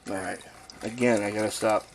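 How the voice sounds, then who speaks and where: A man's voice: fairly low pitch, steady tone, fairly quick, vocal fry, a little hiss or hum. A man hosting a casual cooking vlog from his kitchen, joking and rambling as he adds ingredients step by step. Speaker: cooking channel host. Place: home kitchen.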